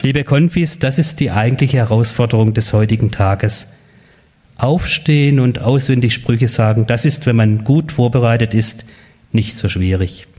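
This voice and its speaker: A man's voice: mid-range voice, normal speed, a little mellow. A man, a pastor, giving a confirmation sermon to teenagers. He tells a story and speaks the quoted voices in it, then puts questions straight to the young people. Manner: storytelling, quoting voices in the tale; addresses the teens directly with questions.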